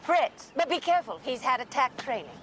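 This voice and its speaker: A cool, guarded widow. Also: female voice, high voice, expressive, fairly quick, fairly bright tone, a little hiss or hum. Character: cool, guarded woman in mourning. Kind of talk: 1980s TV drama acting.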